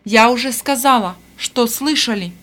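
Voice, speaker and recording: A woman's voice: fairly high pitch, moderate pace, a bit bright, faint music behind, close to an everyday voice. A woman reading an audiobook voices a mistreated young servant girl who answers back indignantly. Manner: indignant, defiant, pleading. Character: mistreated teenage servant girl, defiant and hurt.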